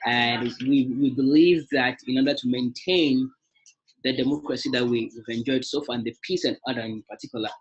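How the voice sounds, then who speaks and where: Husky and brisk, the voice belongs to a young Ghanaian alumni association president giving a webinar talk. He keeps a steady tone at medium pitch, restarting often and leaning on fillers, all captured in lo-fi sound.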